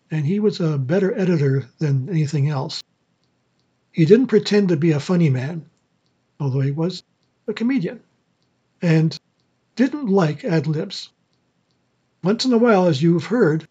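A man with a husky, somewhat high, mellow voice hosts informal commentary. He talks in halting phrases, and the sound is slightly muffled. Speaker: old-time radio program host. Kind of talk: informal commentary introducing vintage shows.

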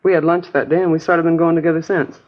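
Speaking quickly in a low, steady tone with light acting, a woman voices the chatty, naive girlfriend of a crook, an easygoing working-class American, for a 1950s radio crime drama. Her lines are casual, rambling and a little vague, and the old broadcast recording sounds dull.

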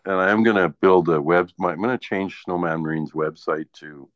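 This is a casual chat from a small business owner who also sells online, a man who talks bluntly, grumbles, and swears. His voice is low-pitched at a moderate pace, recorded with dull lo-fi sound in an echoey room.

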